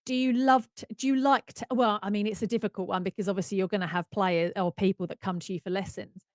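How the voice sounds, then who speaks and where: A woman's voice: medium pitch, fairly even intonation, fast, no room sound, clean studio sound. A woman hosting a podcast in casual, chatty conversation, laughing often and exclaiming. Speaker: podcast host. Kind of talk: casual chat.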